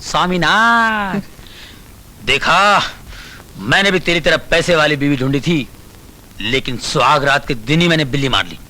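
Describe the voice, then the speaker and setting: An actor playing a brash, bossy, boastful stockbroker husband in a Hindi film comedy, loud and commanding. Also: male voice, fairly high pitch, lively intonation, a little slow, long pauses, heavily acted, low-quality recording.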